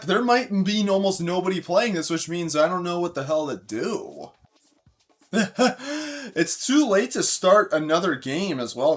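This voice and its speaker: A man streaming a game, chatting casually, rambling and correcting himself, swearing often and getting excited. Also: a little high. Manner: excitable, bursts into laughter. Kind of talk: casual gameplay commentary.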